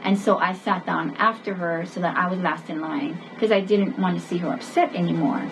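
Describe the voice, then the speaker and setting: A woman's voice: fairly low pitch, fairly even intonation, fairly quick, gravelly, music in the background, rough recording. Earnest woman telling classroom stories. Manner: earnest storytelling, acting out quoted dialogue. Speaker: parenting educator. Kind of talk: webinar lesson with personal stories.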